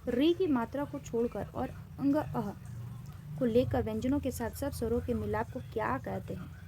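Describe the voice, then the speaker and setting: A woman's voice: a little high, normal speed, noisy background. A woman Hindi grammar teacher with an Indian accent, giving a classroom-style lesson in which she poses questions and then answers them, repeating key terms.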